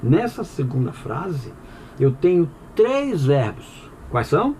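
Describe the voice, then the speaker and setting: A man's voice: a little high, sing-song, takes it slowly, a little mellow, slight background noise. A man teaching a Portuguese grammar lesson in a conversational, explanatory way, asking the listener questions and answering them himself. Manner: conversational with frequent "tá bom?" check-ins.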